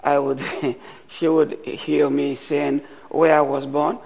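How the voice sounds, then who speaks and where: Slow, gravelly-voiced man from Haiti preaching. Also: a little high, little pitch movement, a little mellow. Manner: slow and deliberate, pausing often. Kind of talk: sermon.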